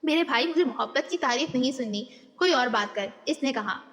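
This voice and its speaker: A woman reads a novel aloud, carrying both the narration and the characters' dialogue. Her voice sits fairly high, and a long reverb trails each line. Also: expressive, brisk, a bit bright. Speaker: audiobook narrator.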